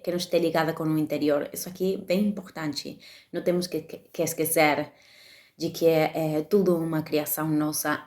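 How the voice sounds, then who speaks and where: A woman giving a reflective spiritual talk to her viewers, speaking slowly with frequent restarts and fillers. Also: low voice. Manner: halting, many restarts and fillers, calm. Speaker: spiritual video host.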